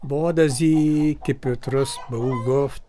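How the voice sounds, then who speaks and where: A man's voice: medium pitch, steady tone, dark tone, slight background noise, close to an everyday voice. A man with an Afghan Dari accent, acting in a radio drama as a devout husband who patiently explains matters of faith. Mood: earnest. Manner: earnest, explanatory.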